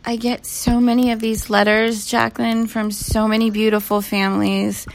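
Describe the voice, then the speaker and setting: A woman host in a casual spiritual chat, who talks softly and gratefully with many fillers. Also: a little high, level tone, normal speed, vocal fry, a little hiss or hum.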